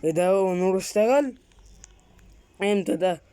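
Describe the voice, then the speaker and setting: A woman with an Egyptian Arabic accent plays along in a casual video game story. Her mid-pitched voice fires off questions and exclamations, often repeating a phrase several times. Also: moderate pace, dark tone, clear, resonant tone, no echo. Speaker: gamer making a role-play film in Roblox. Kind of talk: casual improvised game role-play.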